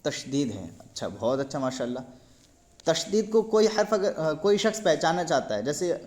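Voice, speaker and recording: Man, fairly high voice, patient tutor, checks understanding, quick praise. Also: very animated, a little mellow. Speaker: Quran recitation teacher. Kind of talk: one-on-one tutoring lesson.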